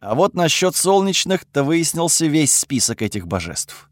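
A man reading a fantasy audiobook in the first person, measured storytelling. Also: fairly high pitch, very animated, no room sound. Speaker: audiobook narrator.

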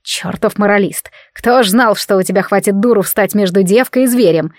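A woman voicing a hateful, hysterical male theologian villain, with a nasal tone and hissing, drawn-out threats, in an audiobook reading. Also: medium pitch, no echo, studio quality, close to an everyday voice. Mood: ranting. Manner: hissing, snarling, dragged-out threats.

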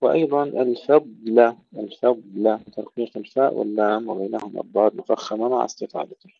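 A man teaching tajweed. He recites words slowly and carefully, then explains each rule in a plain voice. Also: on the low side, creaky, no echo. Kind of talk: tajweed lesson with slow demonstrative recitation. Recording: dull, dry close recording.

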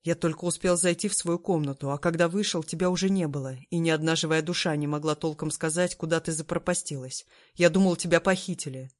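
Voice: mid-range voice, fairly even intonation, fast talker, hardly any pauses, natural voice. A narrator voicing a worried, loyal young man who speaks anxiously and reproachfully in an audiobook.

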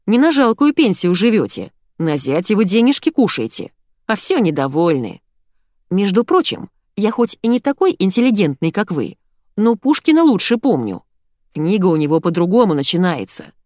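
A woman reading aloud plays a dim, grumbling husband who drags his words along. The voice sits low and close, with dry sound. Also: a little mellow, no room sound. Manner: sluggish, grumbling. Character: slow-witted grumbling husband. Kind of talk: audiobook character voice.

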